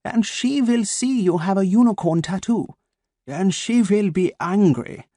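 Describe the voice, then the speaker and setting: A calm, soft-spoken android in a suit, as a male narrator puts him on, speaking with a German accent in slow, precise, patronizing tones. The voice sits clearly higher than the reader's own and sounds slightly altered in timbre. The audiobook recording is dry and close. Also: no echo. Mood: cold, patronizing. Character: soft-spoken android man posing as doctor.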